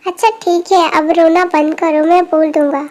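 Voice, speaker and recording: Woman voicing a gentle young man, fan dub, reassuring, very high voice. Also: flat delivery, normal speed. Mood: scolding. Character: young man, calm and caring. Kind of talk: amateur Hindi fan dub.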